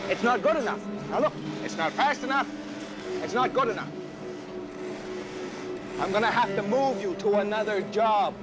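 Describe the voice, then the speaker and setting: A man's voice: sits high, normal speed, long pauses, over loud music, lightly acted. An actor playing a harsh, contemptuous male factory foreman who insults the workers. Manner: abrasive, insulting, barking orders.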